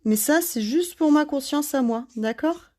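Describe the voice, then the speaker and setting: A woman's voice: high-pitched, a little slow, darkish tone. A woman hosting a casual craft tutorial, chatting to her viewers by name and laughing at herself.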